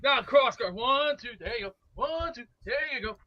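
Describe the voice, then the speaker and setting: A man's voice: extremely high pitch, expressive, moderate pace. A man chanting and boasting playfully while calling in to a sports show. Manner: chanting, taunting. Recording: dull lo-fi line.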